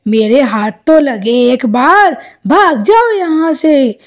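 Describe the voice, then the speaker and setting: A woman voicing a cranky, scolding old grandmother sparrow in a cartoon, shouting at the hens in her garden. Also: high voice, lively intonation, takes it slowly. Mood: angry shouting. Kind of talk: cartoon voice acting.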